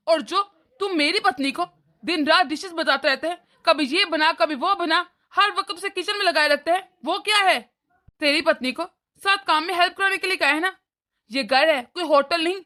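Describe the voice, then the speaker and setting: A woman voicing an irritable elder brother in an animated cartoon, speaking in an annoyed, lecturing way. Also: very high voice. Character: irritable elder brother, adult man, short-tempered.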